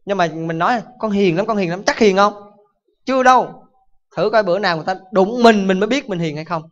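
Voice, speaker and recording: A Buddhist monk giving a dharma talk, full of animated stories and rhetorical questions to his listeners. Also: sits high, fast. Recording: dull lo-fi recording.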